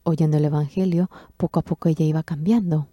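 A woman interpreting a sermon testimony, expressive, acting out quoted speech with sudden jumps in pitch. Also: a little fast, no room sound.

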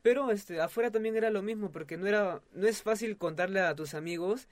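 A young man tells his story in an interview. He speaks in a somewhat high voice, hesitant and full of fillers and restarts. The recording is dry and close. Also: brisk, dry recording. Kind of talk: testimony in a casual interview.

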